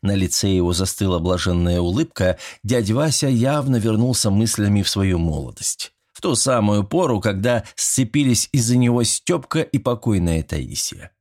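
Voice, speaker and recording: A man narrating an audiobook in an even, measured way. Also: fairly low pitch.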